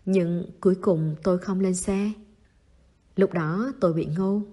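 A woman's voice: on the low side, fairly even intonation, measured pace, dark tone. A woman reading the part of a stubborn teenage boy who talks in blunt, clipped lines and gets flustered when pressed. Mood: remorseful. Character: stubborn teenage boy, gruff but tender.

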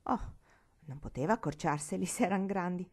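A woman's voice: fairly low pitch, moderate pace, a little mellow, husky. A woman voicing a stern, proper old grandmother. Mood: dry.

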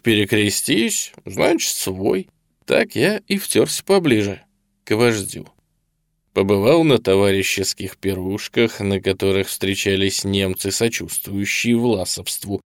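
A man reading an audiobook, voicing a sly male colonel interrogator who talks smoothly and with false cordiality. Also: fairly low pitch, no room sound, clean studio sound. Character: sly, ingratiating middle-aged male Soviet colonel interrogator.

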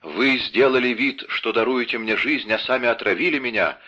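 A man's voice: mid-range voice, animated, moderate pace, sharp tone, breathy edge, voice pushed up. A man reading the part of a poisoned soldier in an audiobook, crying out in anguish and accusation. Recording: dull lo-fi audio.

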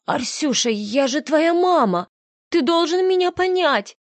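A woman's voice: sits high, lively intonation, a little slow, no room sound, pitched above the performer's own voice. A woman reading an audiobook, voicing a brazen, manipulative young woman who talks in a coy, whiny, melodramatic way. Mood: hysterical.

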